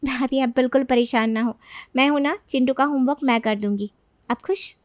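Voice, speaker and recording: A woman's voice: high-pitched, moderate pace, no echo, clean studio sound, natural voice. A woman voicing a kind, obliging young woman in a cartoon story, talking sweetly and always ready to help.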